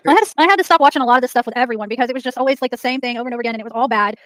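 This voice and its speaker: Woman, livestream guest, high voice, quick, hesitant, lots of "like", dry sound. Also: no echo. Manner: hesitant, trails off, many "like"s. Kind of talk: livestream conversation.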